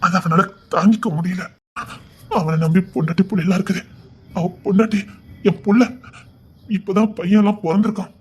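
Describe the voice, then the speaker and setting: A man's voice: sits high, fairly even intonation, fairly quick, long pauses, husky. A man voicing a desperate elder brother, a former bodyguard, who begs over and over with emotion, in a Tirunelveli Tamil accent. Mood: pleading. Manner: begging, repetitive, emotional.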